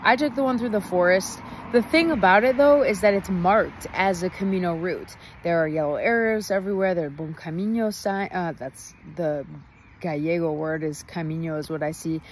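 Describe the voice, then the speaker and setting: A young woman talks through her day in a loose, rambling travel-vlog recap with a slightly low voice. She laughs easily. Faint road noise hums behind her phone recording. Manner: chatty, rambling, laughs often. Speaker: travel vlogger. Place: outdoors near a highway.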